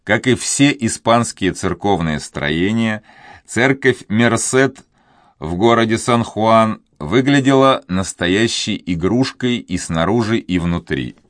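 Deep-voiced male audiobook narrator. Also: animated, slow, no room sound, studio quality. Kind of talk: scripted narration.

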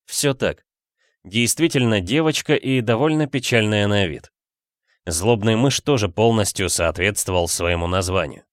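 A man narrating a story in a steady, measured audiobook reading. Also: fairly low pitch, dry recording, clean studio sound.

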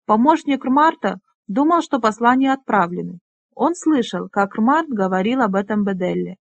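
A woman voicing a spirited, bossy young woman who leads dragonriders, talking briskly and teasing. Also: a little high, expressive, gravelly, dry recording, dull audio. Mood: lively.

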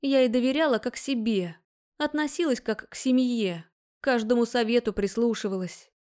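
A woman voicing an excitable, indignant middle-aged mother who rattles on, high and loud, in a storybook reading. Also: smooth, natural voice. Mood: worked-up. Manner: rapid, worked-up, high and loud.

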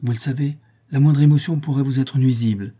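A man's voice: mid-range voice, steady tone, a little fast, mellow, husky, voice pushed up, natural voice. A man reading the lines of a scheming, cunning stepmother in an audiobook, with a falsely soothing manner.

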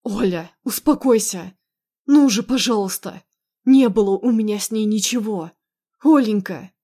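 A woman reading an audiobook, voicing a possessive, hot-tempered young man who speaks in a loud, insistent, emotional way. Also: medium pitch, moderate pace, close to an everyday voice. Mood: angry pleading.

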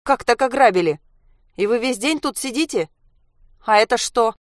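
A woman reading aloud voices a harsh mother who scolds and yells at the children. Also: on the high side, animated, moderate pace, no room sound, clean studio sound, pitched above the performer's own voice, natural voice. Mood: flustered. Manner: scolding, yelling. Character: harsh furious mother, shouting.

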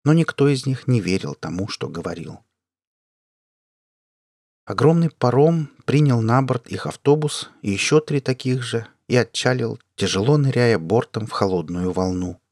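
A man reading a science fiction story aloud as an audiobook narrator, in an even, measured way. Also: medium pitch, dry recording, clean studio sound. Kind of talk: scripted narration.

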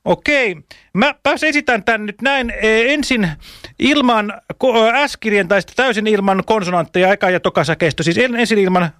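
A man's voice: sits high, a bit bright, no echo. A man hosting a casual radio show in a studio, playful and jokey as he reads out listener messages. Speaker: radio host.

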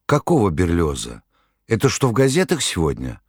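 A man reading an audiobook, voicing a proud, fierce woman who turns sharp and pleading. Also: sits low, wildly swooping pitch, moderate pace, breathy edge, no room sound, clean studio sound, exaggerated voice. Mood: curious.

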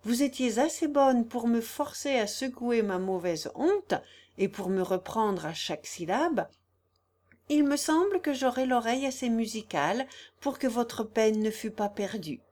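A woman's voice: on the high side, lively intonation, a little slow, darkish tone. A woman reading the part of a shy, eager young male musician, speaking with ardent emotion. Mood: earnest.

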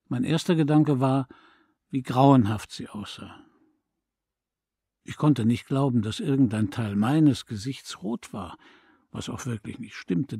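Calm man reading an audiobook. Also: medium pitch, breathy edge, no echo. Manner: calm, measured, reflective. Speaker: audiobook reader. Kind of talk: scripted narration. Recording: dry close studio recording.

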